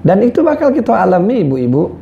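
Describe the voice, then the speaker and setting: A man with a Palembang Malay accent preaching a sermon, swinging from loud calls to low, quiet lines. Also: big pitch swings, quick pace, creaky, dull audio, slight background noise.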